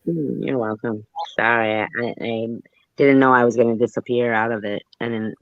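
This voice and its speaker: A man with a mid-range voice hosts a casual chat at a moderate pace and steady tone, rambling, trailing off and muttering asides before reading news reports aloud. He's recorded on a phone, and the audio is dry and dull.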